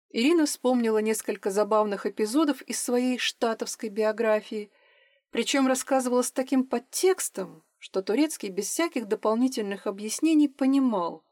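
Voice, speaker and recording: Female audiobook narrator, fairly high voice, dry close sound. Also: darkish tone, no room sound. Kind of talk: audiobook reading.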